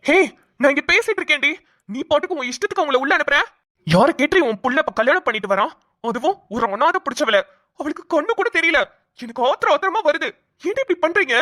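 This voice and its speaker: A woman voicing an angry middle-aged father in a cartoon, who shouts and mocks. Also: fairly high pitch, very animated, fast. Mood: furious. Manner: shouting, scolding, mocking. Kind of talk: cartoon voice acting.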